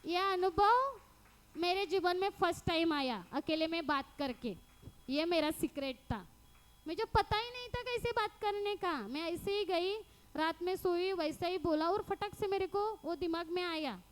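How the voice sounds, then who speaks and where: A woman's voice: very high-pitched, animated, measured pace. A young woman with a Mumbai Hindi accent giving a personal church testimony, telling her story with animation and acting out what she said.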